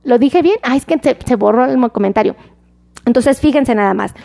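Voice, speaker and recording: A Mexican woman doctor talks to her livestream audience in a high, bright register. She is chatty and uses lots of diminutives. She explains things plainly and keeps asking viewers to reply. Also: lively intonation, a little fast, vocal fry. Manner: warm, chatty, fond of diminutives, asks viewers for replies. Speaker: doctor giving health advice on a livestream. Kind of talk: casual livestream talk, reading viewer comments.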